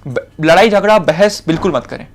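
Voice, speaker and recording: A man's voice: on the high side, lively intonation, a little fast, creaky. A young man with an Indian accent, giving a spoken lecture of interview advice in a casual, conversational way, with fillers and repeated short points. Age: young adult. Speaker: civil services officer giving interview advice.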